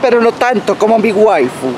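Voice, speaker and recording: A hoarse young man, vlogging outdoors on a city street with crude, playful outbursts. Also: sits high, sing-song, moderate pace, background noise. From Colombia. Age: young adult. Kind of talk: joking handheld vlog. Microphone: handheld camera at arm's length.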